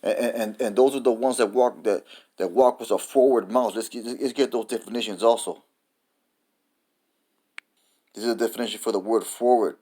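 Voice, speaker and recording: A man's voice: medium pitch, steady tone, brisk, mellow. A man preaching an informal sermon, cursing and stumbling over repeated words, often ending lines with "man" as he reads scripture and definitions. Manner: profane, repetitive, says "man" often.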